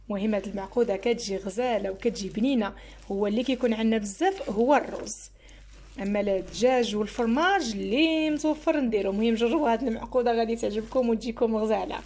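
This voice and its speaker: A Moroccan-accented woman hosts a home cooking tutorial, talking fast and chatty as she explains every step. Her voice sits a little high, and a faint hum of background noise runs under the recording. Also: dark tone. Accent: Moroccan Arabic. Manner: chatty, explains each step while working. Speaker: cooking channel host.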